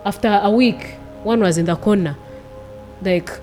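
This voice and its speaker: A woman's voice: mid-range voice, moderate pace, warm tone, faint music behind. A woman in her twenties, a podcast guest, telling her personal story earnestly and repeating phrases for emphasis. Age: 20s.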